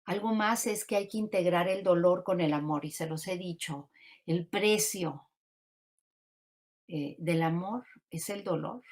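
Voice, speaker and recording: A woman grief counselor giving a calm, reflective teaching talk on grief, often asking rhetorical questions. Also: lowish voice, a little slow.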